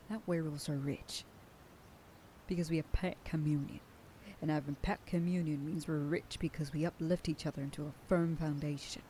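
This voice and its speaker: In this ASMR roleplay, a woman voice actor takes the part of a bossy, scolding werewolf sheriff girlfriend who is protective and later whispers tenderly. Her voice is low and mellow, with a slight hiss or hum in the recording.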